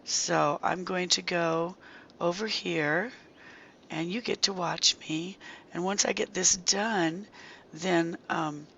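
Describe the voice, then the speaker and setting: Hoarse, croaky gamer with heavily creaking voice. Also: mid-range voice, fairly even intonation, a bit bright, muffled recording, slight background noise. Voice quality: croaky, strained, breaking into whisper. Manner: halting, thinking aloud while working. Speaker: gaming video creator. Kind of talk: casual gameplay walkthrough commentary.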